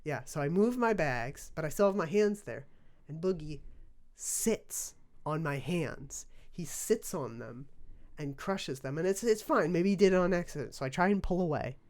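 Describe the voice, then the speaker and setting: A man's voice: a little high, animated, normal speed. A young man co-hosting a casual podcast, telling a mock-serious story with lots of ums and restarts into a mic with a pop shield. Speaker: podcast co-host.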